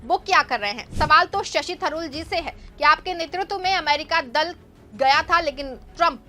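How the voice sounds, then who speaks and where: A woman's voice: high voice, moderate pace, sharp tone, faint music behind. A young woman anchoring a news show, reading scripted political commentary in a pointed, sarcastic way.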